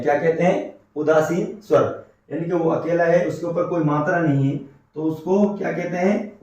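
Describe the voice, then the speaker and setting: A man's voice: on the high side, a little mellow. Man teaching in a very echoey room. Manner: repeats key terms and asks the class rhetorical questions. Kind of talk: classroom grammar lesson. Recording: very echoey room, mic set far off.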